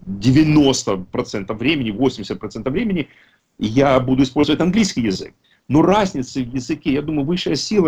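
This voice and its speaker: A man in his fifties, raised in a Russian-speaking country, talks casually and emphatically at an online recovery meeting. His voice is on the high side with a darkish tone, and a slight hiss or hum runs underneath. He rambles and keeps correcting himself mid-sentence.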